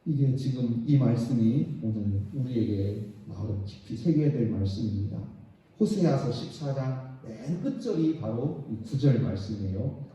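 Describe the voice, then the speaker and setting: A man's voice: medium pitch, lively intonation, moderate pace, mellow. A middle-aged man preaching a sermon as pastor, dramatically acting out the voices of God and sinners. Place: church sanctuary. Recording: very echoey church hall, distant and dull.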